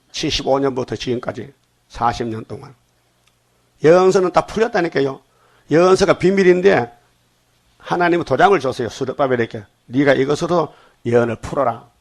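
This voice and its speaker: An older man preaching a dawn sermon in a blunt Gyeongsang accent, often stopping to ask the congregation questions. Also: mid-range voice. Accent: Gyeongsang Korean. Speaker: pastor.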